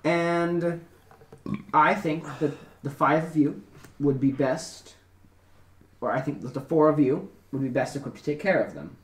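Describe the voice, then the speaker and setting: A man's voice: on the high side, a little slow, close to an everyday voice. A man playing a blunt agent boss. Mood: businesslike. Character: curt male agent boss giving a job. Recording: roomy echo.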